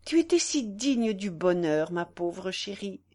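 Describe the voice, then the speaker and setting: A woman's voice: medium pitch, big pitch swings, a little slow, warm tone. A woman reading aloud and voicing a remorseful, guilt-stricken mother who pleads in a raised voice.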